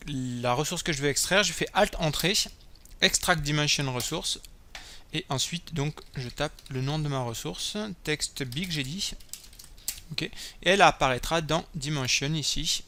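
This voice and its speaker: A man's voice: a little high, pushed and bright. A man hosting a screencast coding tutorial, casually thinking aloud as he types and explains each step. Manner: casual, thinking aloud while typing code.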